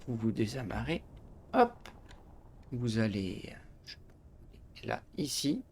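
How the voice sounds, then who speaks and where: Gaming channel host, male, talks a player through a game step by step, slow and gravelly. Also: mid-range voice, huge pitch swings, darkish tone, slight background noise. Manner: step-by-step explaining, frequent "hop" and restarts. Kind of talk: game tutorial commentary.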